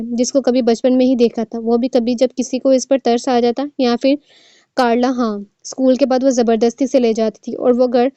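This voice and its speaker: A woman narrating a novel aloud in a steady storytelling manner. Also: fairly high pitch, no room sound, muffled recording.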